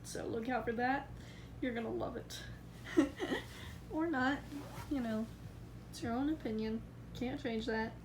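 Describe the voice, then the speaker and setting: A woman vlogs casually, first outdoors in her backyard and then inside her home, chatting, giggling, and rambling along. Her voice is on the high side and steady, and she talks unhurriedly with frequent pauses, on a noisy home video recording.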